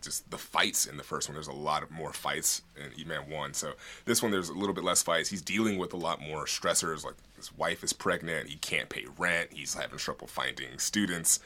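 A man with a low, forceful voice talks casually as a podcast co-host. His speech rambles along, peppered with filler likes. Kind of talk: casual film discussion.

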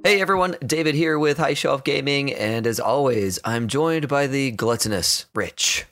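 Easygoing American podcast host. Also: male voice, mid-range voice, expressive, normal speed, a bit bright. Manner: easygoing, chatty, laughs often. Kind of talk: casual podcast chat.

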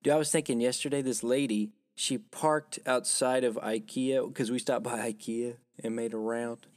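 Casting: young guy, mid-pitched, dry close recording, rambling jokey podcast banter. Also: fairly even intonation, normal speed, darkish tone, no room sound. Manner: rambling, joking, swearing. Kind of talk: casual chat.

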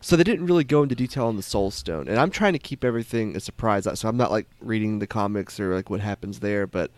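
A man with a low voice muses about film theories, hedging as he goes. The recording is dry and close, with no room sound. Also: fast, dry recording. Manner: thoughtful, speculative, hedging. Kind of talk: casual movie discussion.

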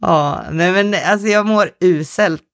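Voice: medium pitch, fairly bright tone, no echo, studio quality. A podcast co-host in casual chat, talking in a gloomy, wry and self-mocking way.

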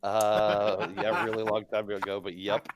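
Low, slow, joking player man. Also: monotone, background noise. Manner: incredulous, jokey. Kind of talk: casual tabletop banter.

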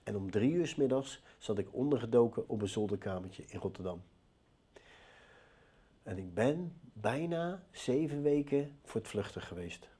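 Male interview guest, personal testimony, warm dark tone, animated storytelling. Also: mid-range voice, moderate pace, breathy edge. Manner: lively storyteller who acts out dialogue. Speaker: interview guest telling his life story.

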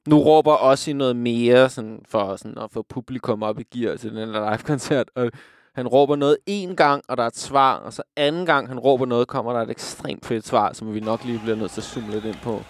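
A male radio host chatting about rock records, enthusiastic and laughing, at times shouting. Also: medium pitch, no room sound. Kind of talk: excited radio show chat. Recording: music playing behind.

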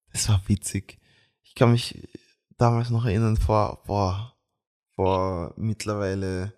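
A young man, telling a family story as an interview guest, halting with fillers and often laughing. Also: fairly low pitch, a little mellow.

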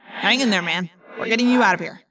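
A woman's voice: mid-range voice, fast, bright, forceful tone, no echo, far from the mic, low-quality recording. A woman voicing a joking teenage boy who wisecracks while helping an injured friend. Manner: joking, casual.

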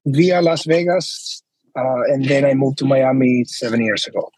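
Argentine guy, husky voice, dry close sound, rambly and earnest. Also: medium pitch, normal speed, darkish tone, dry recording, low-quality recording. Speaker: guest, flair bartender. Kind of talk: casual interview.

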